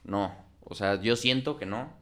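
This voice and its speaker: A young man from northern Mexico, a podcast guest, telling slangy, animated stories in casual chat. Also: lowish voice, unhurried, slight background noise.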